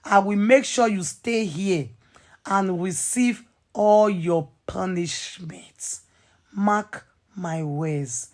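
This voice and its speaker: A woman voicing a bitter, vengeful wife who speaks slowly in low, menacing threats. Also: expressive.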